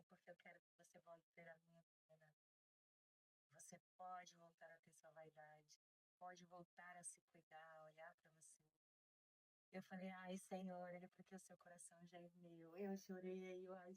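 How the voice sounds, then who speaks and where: A woman giving an informal devotional talk, telling personal stories in an intimate, chatty way and dropping to soft, hushed tones at tender moments. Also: fairly low pitch, poor audio. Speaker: devotional speaker.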